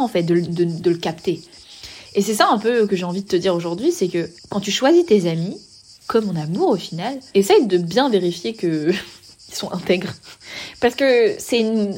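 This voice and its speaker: A young woman tells a personal story on her podcast in a loose, animated, slang-filled way, constantly turning to address the listener. Her voice has a soft husky, breathy edge and sits at an ordinary middle pitch. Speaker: podcast host.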